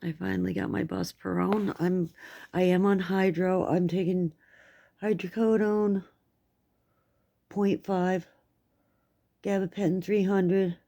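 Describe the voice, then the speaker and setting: A woman's voice: lowish voice, flat delivery, slow pace, vocal fry, long pauses, warm tone. A middle-aged American woman with toothless speech, giving a rambling, candid personal update in casual, coarse words. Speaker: vlogger.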